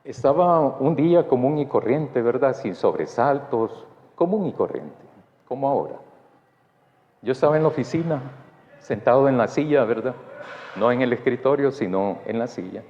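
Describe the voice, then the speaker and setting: A man's voice: medium pitch, lively intonation, normal speed, mellow. A male pastor telling a personal story in a sermon, chatty and often checking in with his listeners. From El Salvador. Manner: conversational, keeps asking the congregation for agreement. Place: church sanctuary. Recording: dull sound in a church with long reverb.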